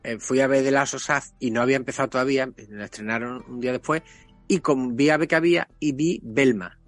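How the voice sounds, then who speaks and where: A man with a Castilian accent chatting casually as a podcast panelist, haltingly searching for his words. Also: mid-range voice. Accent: Castilian Spanish. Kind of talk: casual review chat. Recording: music behind the voice.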